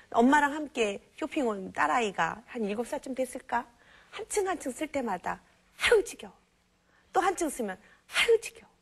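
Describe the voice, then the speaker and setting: Woman lecturer, TV parenting talk, slightly husky, higher-pitched, animated and demonstrative. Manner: lively, acts out parents and children in quoted lines. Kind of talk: televised lecture to an audience.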